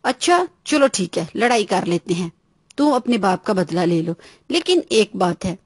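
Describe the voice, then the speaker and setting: A woman's voice: mid-range voice, sing-song, husky, no room sound, studio quality. A woman playing a sly farmer man. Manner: sly, mock-agreeable. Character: crafty grown man, a farmer.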